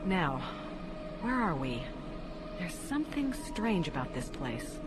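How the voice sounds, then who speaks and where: An actress playing an earnest, determined rebel princess in a science fiction audio drama. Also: female voice, on the low side, very animated, slow pace. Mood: earnest, uneasy. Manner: earnest, resolute. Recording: clear spaceship and tunnel ambience noise.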